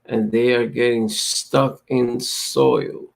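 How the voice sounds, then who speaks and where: A man's voice: mid-range voice, level tone, slow, gravelly. A man in casual chat as a guest, making blunt, terse remarks.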